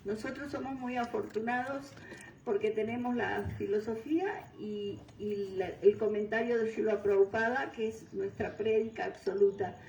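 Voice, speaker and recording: An older woman from Venezuela giving a devotional talk, pausing often and searching for words. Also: fairly high pitch, fairly even intonation, darkish tone, a little hiss or hum. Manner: unhurried, searching for words, frequent fillers. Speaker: guest speaker. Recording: distant mic in roomy hall.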